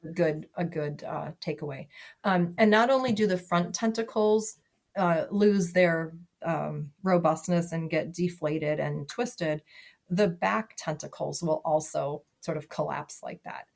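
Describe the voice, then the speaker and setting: A woman's voice: sits low, a little slow, creaky, a little mellow. A woman talking casually as a podcast guest, chatty, with lots of fillers and restarts. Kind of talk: casual conversation.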